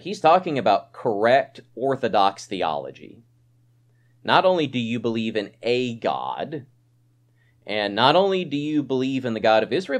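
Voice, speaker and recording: A man preaching an expository sermon, animated and conversational, often checking in with a rhetorical "right?". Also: mid-range voice.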